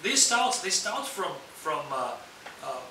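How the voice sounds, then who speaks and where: A man co-hosting a beer review show, talking quickly and enthusiastically to viewers, recorded off-mic in an echoey room with faint hiss. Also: sits high, very animated, pushed and bright, distant mic. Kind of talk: casual chat.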